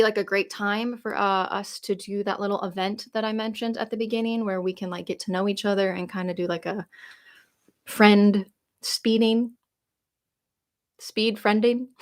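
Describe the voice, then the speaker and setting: A woman in her late twenties, a YouTuber, answers viewer questions on a casual live stream in a medium-pitched, fairly bright voice. Chatty and loosely friendly, she rambles with lots of "like" fillers, restarts, and self-corrections. She laughs easily while reading comments aloud.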